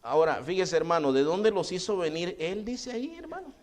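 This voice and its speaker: A man's voice: high voice, animated, fairly quick. A male pastor, preaching a sermon in a conversational tone and often calling listeners brother. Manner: acts out quoted voices in dialogue.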